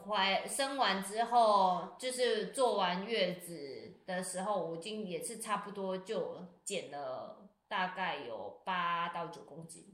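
A woman's voice: medium pitch, takes it slowly, few pauses. A woman, a podcast guest in casual chat, telling stories animatedly and acting out what others said. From Taiwan. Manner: animated storyteller who acts out what others said. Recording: roomy echo.

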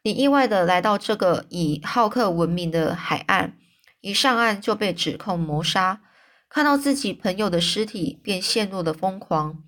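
A woman voicing a kind, earnest middle-aged male magistrate in a storybook reading, speaking in a gentle, measured way. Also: mid-range voice, expressive, natural voice.

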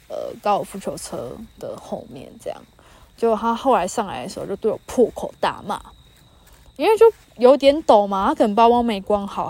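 A woman's voice: medium pitch, a little mellow. A woman in her thirties with a Taiwanese Mandarin accent, chatting casually as a solo podcast host and telling anecdotes, quoting people and laughing now and then. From northern Taiwan. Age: 30s. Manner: chatty storytelling, quotes people, laughs often. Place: mountain campsite by a campfire.

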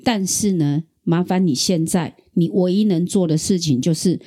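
A middle-aged woman from Taiwan hosting a podcast, telling a personal story in a lively, chatty way. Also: lowish voice, normal speed, breathy edge. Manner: animated storyteller, acts out quoted voices. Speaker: podcast host. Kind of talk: casual storytelling.

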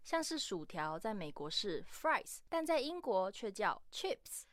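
A woman's voice: medium pitch, big pitch swings, a little slow, no echo, studio quality. Young woman explaining on radio. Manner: explains and spells out examples. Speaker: radio co-host. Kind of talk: scripted radio chat. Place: radio studio.

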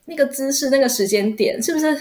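A woman's voice: fast, background noise. A young adult woman, an elementary school teacher, telling a story in casual chat and acting out her students' voices. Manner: animated, acts out students' voices in high pitch.

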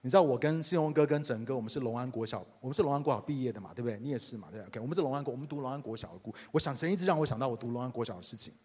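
Husky man preaching in Taiwanese Mandarin. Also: medium pitch, very fast, hardly any pauses. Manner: animated, addresses the congregation directly. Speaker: pastor. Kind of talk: sermon with personal storytelling.

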